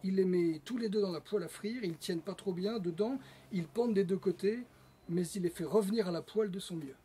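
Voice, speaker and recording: Male reader, high and husky, reading fiction aloud at a bookshop event. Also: a little fast, dark tone. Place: bookshop, indoors.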